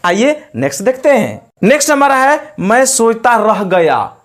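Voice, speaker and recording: A man with an Indian accent teaching spoken English in Hindi, slowly and patiently repeating each example. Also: very high voice, very animated.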